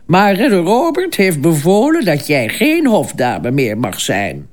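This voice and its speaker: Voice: medium pitch, huge pitch swings. A narrator voicing a kindly, apologetic older head lady-in-waiting in a fairy tale. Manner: apologetic, brisk.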